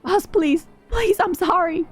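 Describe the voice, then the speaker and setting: A woman's voice: on the high side, expressive, brisk, dry recording, faint music behind. A woman reading a fawning bandit underling. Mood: pleading. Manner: pleading, fawning. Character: cowering bandit underling, eager young man.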